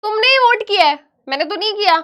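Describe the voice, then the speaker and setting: A woman's voice: very high-pitched, lively intonation, quick pace, sharp tone. A woman teaching a live online biology class, chatty and playfully scolding, dropping English words into her speech.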